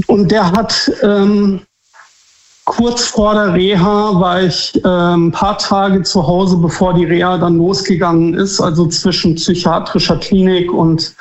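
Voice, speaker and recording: A man calling in to a radio show, speaking slowly and hesitantly with many pauses. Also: high voice. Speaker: caller. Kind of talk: phone-in call. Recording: dull echoey phone line.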